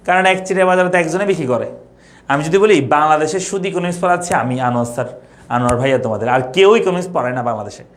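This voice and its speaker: A young man from Bangladesh teaching an economics class online, repeating points and asking students questions. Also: high voice. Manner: repetitive, asks students questions.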